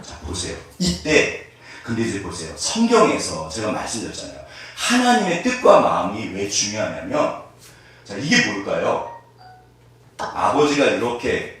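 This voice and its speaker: A male pastor preaches a sermon with animation, often asking his congregation questions. His voice is fairly low and a little slow. It's recorded from far off in an echoey room.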